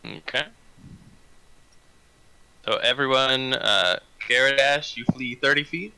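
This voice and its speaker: A man's voice: medium pitch, takes it slowly, sharp tone, clear, resonant tone, rough recording. A man running a tabletop fantasy game as game master, narrating scenes and calling out rolls.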